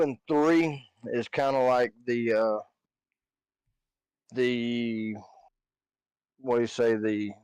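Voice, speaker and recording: A man in a casual game-stream chat, talking haltingly and searching for his words. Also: mid-range voice, clean tone, no room sound, poor audio. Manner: slow, hesitant, searches for words. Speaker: guest co-streamer.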